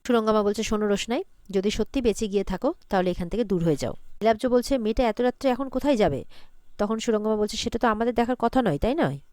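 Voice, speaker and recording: A woman quickly retelling a TV serial episode, running narration and every character's quoted lines together in one steady storytelling voice. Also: mid-range voice, no room sound, clean studio sound.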